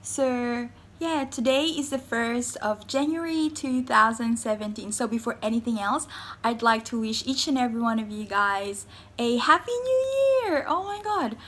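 A young woman from the Philippines chatting in a casual, excitable vlog, full of fillers and quick bursts of enthusiasm. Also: on the high side. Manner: bubbly, excitable, lots of fillers. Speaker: vlogger.

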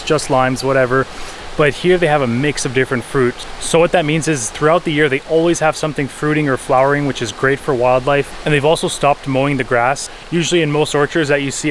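Fast-talking man vlogging outdoors. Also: medium pitch, a bit bright. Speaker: wildlife photographer and vlogger. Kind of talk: explanatory vlog talk to camera. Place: outdoors in jungle, orchard and by a river. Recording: faint outdoor ambient noise.

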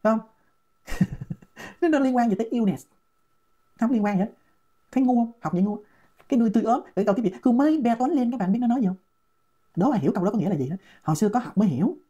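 A woman with a Southern Vietnamese accent rants in a mocking, scolding tone, racing through her words while her pitch leaps up and down. Her voice is dark and slightly husky. The recording sounds dull and lo-fi. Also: expressive, very fast, pauses often. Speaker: online commentator. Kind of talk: ranting commentary.

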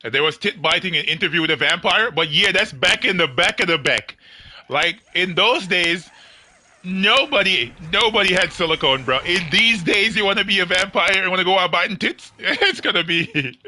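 A man's voice: high-pitched, lively intonation, moderate pace, pushed and bright. A young man chatting casually with viewers on his game livestream, joking and laughing often in slangy talk.

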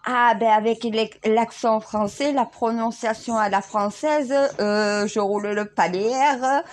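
A woman from France talks casually to her viewers, rambling from one thought to the next and stumbling over restarts. Her voice sits a little high, and she breaks into laughter often. A faint hiss of background noise runs under the recording. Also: steady tone, unhurried. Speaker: self-styled spiritual vlogger.

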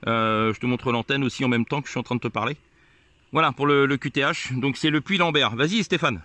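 On a hilltop field, an amateur radio operator films himself chatting casually on the radio and showing his gear, explaining it hesitantly step by step. His medium-pitched voice is a little fast, pushed and bright, and the recording is dry.

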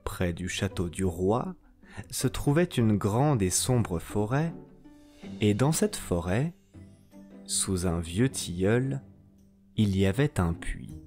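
A man's voice: fairly low pitch, sing-song, a little mellow, soft background music. A man narrating a fairy tale in a scripted storytelling style. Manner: slow, melodic storytelling.

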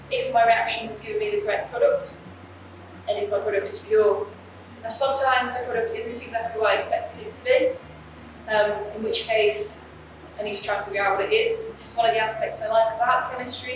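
A young woman from the Czech Republic, a chemistry PhD student, explaining her research in an earnest, measured way with the odd um. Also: fairly high pitch, background noise. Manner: earnest, measured, with occasional ums. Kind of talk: scripted explanation to camera. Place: chemistry lab, indoors. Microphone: camera at a distance. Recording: echoey lab room with distant mic, music behind.

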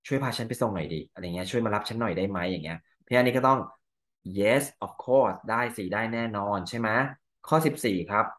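A male teacher with a Thai accent and a somewhat low, slightly bright voice walks through test answers. He reads the English lines slowly and explains every one in Thai.

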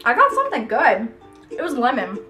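A woman's voice: sits high, huge pitch swings, fairly quick, bright, forceful tone, faint music behind. A young adult woman chatting casually as a vlog host, giggly and grossed out as she eats gross jelly beans. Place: small room at home, indoors. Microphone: camera a short distance in front.

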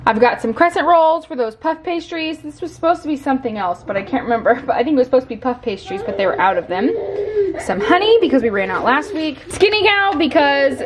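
A woman's voice: sits high, expressive, quick pace, a crowd in the background. A woman in her twenties chatting casually to camera in her home kitchen, upbeat and talking with her hands. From Texas. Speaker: lifestyle vlogger. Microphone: camera on a tripod across the kitchen.

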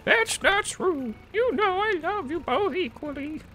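A man voicing a sweet, doting, scatterbrained elderly mother in a high, warbling falsetto, talking slowly and fussing over her child. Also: animated, sharp tone, slight background noise, exaggerated voice. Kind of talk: video game voice acting.

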